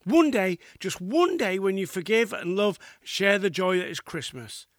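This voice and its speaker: A man as an earnest, high-voiced elf. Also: lively intonation, a little slow, no room sound, clean studio sound. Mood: earnest pleading. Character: earnest, anxious Christmas elf. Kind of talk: audio drama acting.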